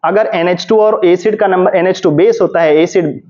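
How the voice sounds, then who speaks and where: A man's voice: sits high, moderate pace, a little mellow. A man teaching chemistry in an exam revision lecture, mixing Hindi and English and explaining step by step while asking and answering his own questions. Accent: Hindi-English mix. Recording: dull lo-fi classroom recording.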